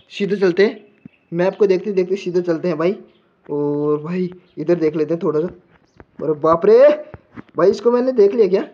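A man's voice: sits high, mellow, lo-fi sound. A man commenting as he plays a horror game, jumpy and panicky, talking to himself. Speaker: gamer.

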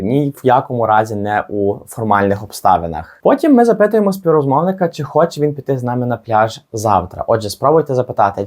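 A man narrates a language lesson in a scripted, teacherly way. His pitch moves lively up and down. He spells out practice phrases slowly and with care. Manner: slow, deliberate modelling of practice phrases.

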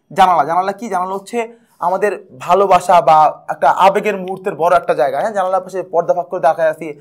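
Fast-talking, high-voiced young male teacher. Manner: lively, playful, repeats key points. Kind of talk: exam prep lesson.

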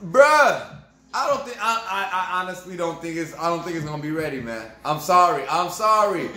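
In a room at home, a young man rants profanely and with frustration at the camera in a post-game sports fan vlog for his viewers. His voice is high and sharp-toned, and the sound is roomy.

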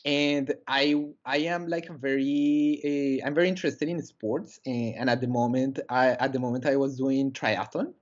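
This young Colombian interview guest speaks at a moderate pace with few pauses, his medium-pitched voice steady in tone. He talks earnestly, though with many fillers and restarts. The lo-fi sound comes from a headset on a video call in a small indoor room.

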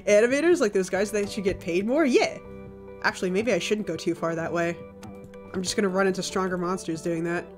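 A woman's voice: mid-range voice, faint music behind. Chatty woman streamer narrating gameplay. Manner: chatty, animated, quick exclamations. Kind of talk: casual gaming commentary.

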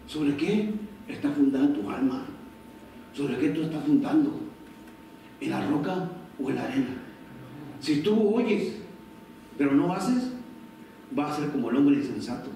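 A man's voice: fairly high pitch, a little slow, long pauses, mellow, slight background noise. A man preaching a sermon as pastor, speaking conversationally and acting out short quoted family exchanges. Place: church sanctuary. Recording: distant mic in echoey church hall.

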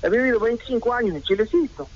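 In lo-fi radio broadcast sound, a middle-aged Argentine man, a merchant, rattles off rhetorical questions in an indignant protest to local radio, speaking Argentine Spanish. His voice is very high-pitched, animated and fast. He is indoors, seated in a red armchair.

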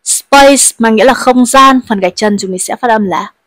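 A woman leads a bilingual English lesson for pupils, patiently explaining each word and having the class repeat after her. Her voice sits a little high. The recording is dry, with no room sound. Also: normal speed, a bit bright, dry recording. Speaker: English teacher.

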